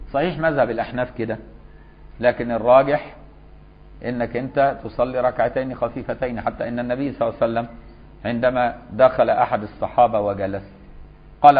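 A male Egyptian scholar gives a religious lesson, reading passages aloud and then unpacking them in relaxed colloquial speech. His voice sits at a middle pitch and the recording is slightly dull and lo-fi. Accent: Egyptian Arabic. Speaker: Islamic scholar teaching a fiqh lesson.

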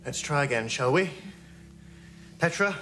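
An actor playing a polite, eager young spaceship officer with a hesitant, apologetic manner, in a television science fiction drama. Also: male voice, a little high, animated, unhurried, bright, forceful tone, a little hiss or hum, heavily acted. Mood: earnest, awkward. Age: young adult.

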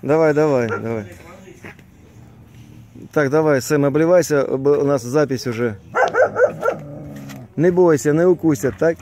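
Holding a phone camera outdoors in a grassy backyard, a Ukrainian-accented man comments on the get-together he's filming. His voice runs on the high side, a little slow with frequent pauses, and the audio is very noisy. He keeps repeating himself in a teasing, home-video way, drawling exclamations and adding questions at the ends of lines.

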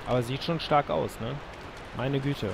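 A man giving casual let's play commentary, excitable, with loud exclamations and talking to his viewers. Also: medium pitch, a little slow, vocal fry, noisy background.

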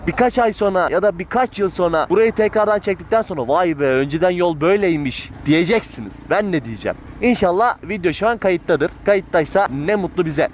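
A man's voice: high-pitched, lively intonation, brisk, hardly any pauses. A man chats casually and informally from inside a motorcycle helmet, rambling and interrupting himself as he rides. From Turkey. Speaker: motovlogger. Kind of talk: casual chatty vlog while riding. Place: outdoors, riding a motorcycle through town. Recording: clear road and engine noise.

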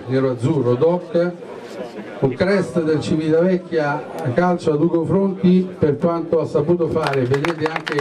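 Male event host, fairly high voice, outdoors, heard from a distance. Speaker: master of ceremonies at team presentation. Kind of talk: live public presentation. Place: outdoors at night in an urban open space. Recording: distant, noisy outdoor crowd recording. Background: crowd noise.

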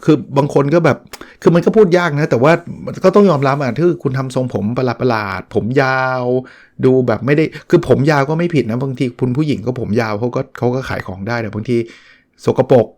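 A middle-aged man hosting a solo podcast, talking through a book in a relaxed, conversational way with frequent restarts and polite particles. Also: medium pitch, a little fast. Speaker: podcast host reviewing a book. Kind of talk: casual solo talk.

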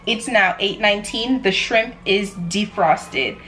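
A young adult vlogger from New York chats casually to the camera in her home kitchen, playful and chatty with a self-described chaotic energy as she cooks. Her medium-pitched voice is slow and fairly bright, with soft background music, poor audio, clear background noise and room ambience.

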